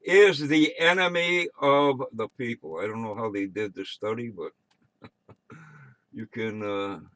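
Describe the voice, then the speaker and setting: An American man working as net control on an amateur radio net, reading check-ins and announcements in a halting, offhand way with muttered asides. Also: mid-range voice, a bit bright, no room sound, low-quality recording.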